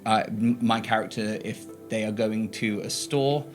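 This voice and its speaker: A man's voice: on the low side, steady tone, unhurried, soft background music. A man in a tabletop podcast chat, talking earnestly and thinking aloud with restarts. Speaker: player in a tabletop game podcast.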